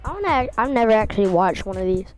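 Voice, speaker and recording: A woman chatting loudly and excitedly while playing a basketball video game, talking over the game's commentary. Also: medium pitch, fast. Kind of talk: casual gameplay chatter. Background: game commentary and music.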